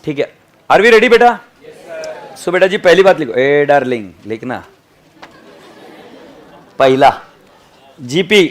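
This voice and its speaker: Animated Indian man teaching accounts, high-pitched. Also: takes it slowly, long pauses, a faint crowd. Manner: animated, stretches words for emphasis, sing-song teaching intonation; mixes English into Hindi, calls students "beta". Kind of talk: classroom lecture. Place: classroom.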